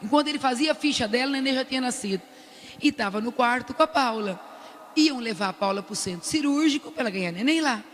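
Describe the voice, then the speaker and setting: An older woman with a Brazilian accent giving an animated testimony at a prayer meeting, acting out the lines she quotes. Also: on the high side, fast talker, big-room sound. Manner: animated storyteller who loudly acts out the quoted lines. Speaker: prayer group speaker. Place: large cathedral.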